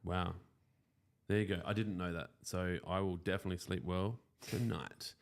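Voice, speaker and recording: A man with a low, steady voice, some vocal fry and a moderate pace hosts a lawn care show in a casual live chat, answering viewer questions. His accent is broad Australian, and his manner is blokey, sweary and jokey.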